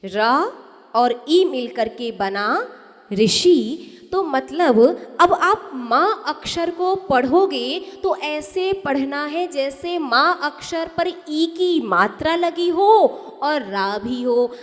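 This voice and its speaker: A woman giving a sermon as a nun, teaching correct pronunciation slowly and emphatically, asking her listeners questions and answering them herself. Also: high-pitched, animated. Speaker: Jain nun giving a discourse. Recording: long hall reverb.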